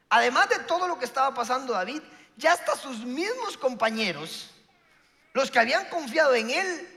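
A man's voice: very high-pitched, pushed and bright, in a large hall. A male pastor, preaching a sermon and telling a story with acted-out quotes and emphatic delivery.

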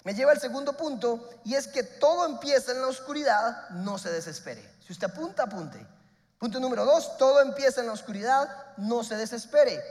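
A man preaching a sermon as pastor, emphatic, repeating his points and swinging between loud and soft. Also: very high voice, expressive, brisk, in a large hall.

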